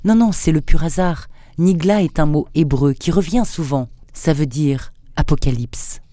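A man's voice: fairly high pitch, normal speed, no echo, clean studio sound, natural voice. A man reading aloud as a modest, anxious young woman scholar. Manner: soft, worried.

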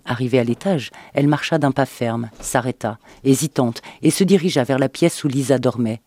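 A man reading a novel aloud as narrator in an expressive, dramatic audiobook style. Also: mid-range voice, normal speed, no room sound, studio quality.

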